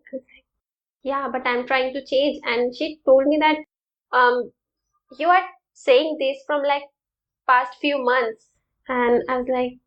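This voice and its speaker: A young woman vlogger with a high voice talks casually and reflectively to camera, telling a personal story full of ums and uhs. The recording is muffled.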